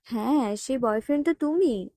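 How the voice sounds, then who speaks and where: A woman's voice: high-pitched, animated, normal speed, dark tone, no room sound, studio quality. A woman reading the lines of a stubborn young woman in an audio story, sniffling and pleading. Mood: tearful.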